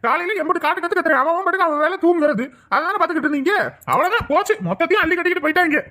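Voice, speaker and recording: A woman's voice: very high voice, rapid-fire, bright, forceful tone. A woman voicing a scolding middle-aged village husband in a cartoon, with a Kanyakumari Tamil accent. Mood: complaining. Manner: nagging, blaming. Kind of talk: cartoon voice acting.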